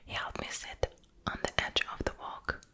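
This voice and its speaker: A woman reading a novel aloud in a whispered role-play for ASMR, with a slow, gentle unvoiced whisper on a close microphone that moves from ear to ear. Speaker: ASMR creator. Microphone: close ear-to-ear ASMR mic.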